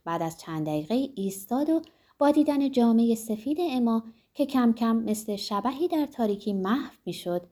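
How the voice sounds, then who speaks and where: A woman narrating a novel aloud in a calm, expressive storytelling voice. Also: medium pitch.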